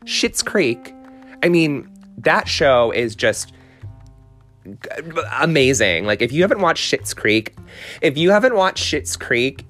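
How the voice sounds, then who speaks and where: A man hosting a rambling solo podcast chat, gushing and animated, full of exclamations and fillers. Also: mid-range voice. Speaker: podcast host.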